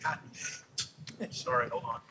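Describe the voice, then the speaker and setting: A county commissioner calling into a meeting by phone, his halting voice breaking up on a bad video connection. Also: mid-range voice, fairly even intonation, crowd noise. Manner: halting, repeats words while the connection drops. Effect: choppy breaking-up video call audio. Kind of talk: public meeting remarks. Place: in a moving car. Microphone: phone on a video call.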